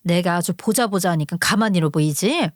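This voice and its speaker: A woman's voice: fairly low pitch, a little fast, dry recording, studio quality, lightly acted. A woman voicing a hot-tempered middle-aged single mother who scolds harshly in a dramatized story. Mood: indignant. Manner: combative, scolding, rough-tongued. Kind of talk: storytelling acting.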